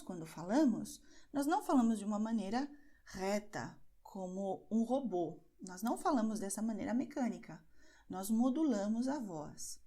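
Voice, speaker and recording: A woman teaching a beginner pronunciation lesson, patiently sounding out vowels and slowing down to drill example words. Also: a little high, mellow. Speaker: language teacher.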